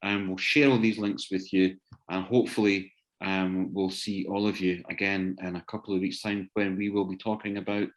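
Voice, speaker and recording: The speaker, a man with a deep voice, little pitch movement, and normal speed, is heard through poor audio. He's hosting an online seminar over video and gives informal closing remarks to attendees, hesitating and repeating words while he finds his phrasing.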